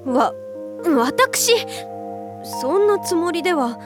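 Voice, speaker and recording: A woman's voice: high voice, big pitch swings, unhurried, music in the background. Prim, formal teenage girl. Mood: shaken. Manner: polite formal speech. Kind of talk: anime radio drama acting.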